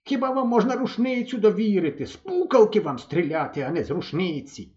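A man voicing a gruff, bossy old village grandfather who scolds bluntly. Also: high voice, very animated, brisk, darkish tone, muffled recording, voice pushed up. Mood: scolding.

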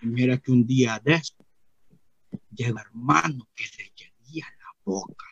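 A man putting on Simplicio, a gravelly rambling rustic. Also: medium pitch, normal speed, dry recording, dull audio. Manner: rambling, repeats "mire", acts out voices. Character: naive rustic churchgoing man, rambling storyteller. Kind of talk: comic character monologue.

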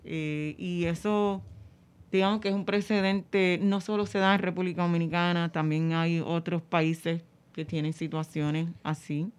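A woman explaining things in an interview, haltingly and searching for words. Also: fairly low pitch, steady tone, clean tone.

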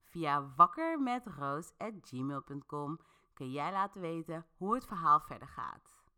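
Her voice is deep, smooth, and unhurried. She hosts a podcast, narrating an interactive story in a relaxed, chatty way and speaking directly to her listeners.

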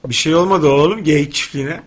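A man's voice: a little high, fairly quick, a crowd in the background. A man co-hosting a casual radio show, teasing crudely and laughing often.

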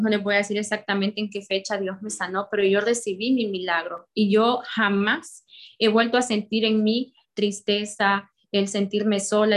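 A young woman with a Honduran accent gives a heartfelt personal faith testimony, speaking directly to her listeners. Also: medium pitch.

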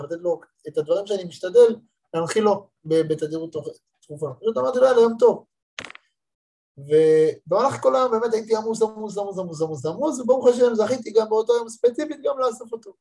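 A man's voice: on the high side, dark tone, slightly rough. A man in his thirties giving a spiritual lesson, telling a personal story and repeating words for emphasis. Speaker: religious motivational teacher.

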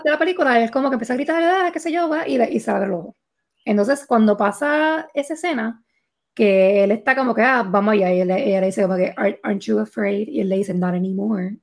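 A woman co-hosting a podcast, chatting casually about a movie and mixing in English phrases. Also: fairly high pitch. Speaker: podcast co-host.

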